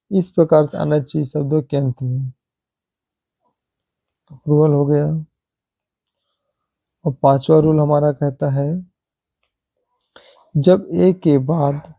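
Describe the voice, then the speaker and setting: A man teaching English pronunciation, repeating example words slowly and asking rhetorical questions. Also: a little high, creaky, mellow, no echo. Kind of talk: slow classroom explanation.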